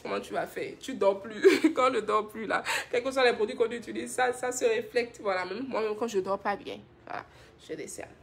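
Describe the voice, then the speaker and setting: This woman from Benin speaks a little fast in a slightly high, gravelly voice, with a bit of hiss or hum in the audio. She hosts a live stream for a skincare brand, reading viewer comments aloud and answering them in a chatty, affectionate way, laughing often.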